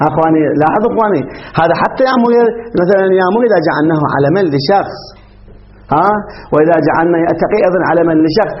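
Quick high-voiced man teaching grammar. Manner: quick, questioning the class, laughs often. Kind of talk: Arabic grammar lesson. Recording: dull lo-fi classroom recording.

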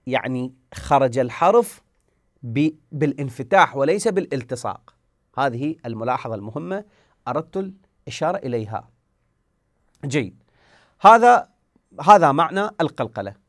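A man's voice: mid-range voice, sing-song, normal speed, pauses often, dry recording, studio quality. A man teaching a Quran recitation lesson. He asks questions and answers them himself, and sounds out letters to demonstrate.

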